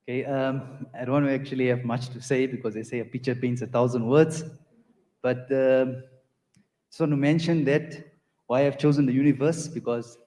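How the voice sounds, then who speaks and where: A man gives a few hesitant public remarks with some fillers. His voice is mellow and warm at middle pitch. A long hall reverb surrounds him. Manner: brief, hesitant. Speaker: artist.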